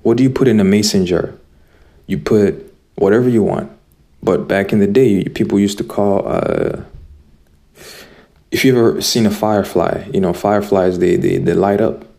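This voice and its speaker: A man's voice: on the low side, moderate pace, vocal fry, mellow. A man from Zimbabwe giving an earnest, preachy spiritual monologue straight to his listeners. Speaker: spiritual vlogger.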